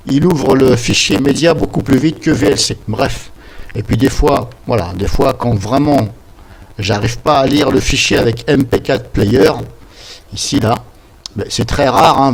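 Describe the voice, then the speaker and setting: A man talks through a software tutorial in an informal way. His voice sits at an average pitch. He rambles as he explains each step. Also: a little hiss or hum, low-quality recording. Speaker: tutorial presenter.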